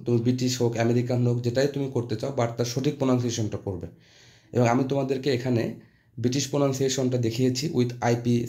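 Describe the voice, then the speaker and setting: A man teaching English grammar over lesson slides. His voice is mellow and warm, set at an ordinary middle pitch. He reads the example sentences slowly and carefully, then explains them in easy Bengali mixed with English terms.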